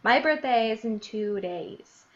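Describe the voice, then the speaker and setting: Speaking slowly in a somewhat high voice, a young podcast host giggles her way through entries from her childhood diary in a casual chat, laughing often between readings and staying animated. She grew up in Illinois and now lives in New Jersey, and the recording sounds dull and lo-fi.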